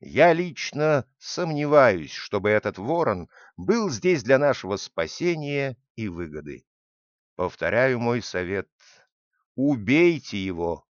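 A man reads out a grave male counselor who urgently warns his king. The delivery is forceful and swings widely in pitch. The sound is dull and dry. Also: sing-song, takes it slowly, dry recording. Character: grave male royal counselor, distrustful and insistent.

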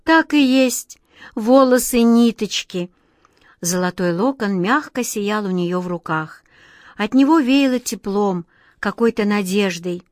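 A woman narrating a fairy tale audiobook in a gentle, expressive, measured way. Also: mid-range voice, dry recording, studio quality. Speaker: storyteller.

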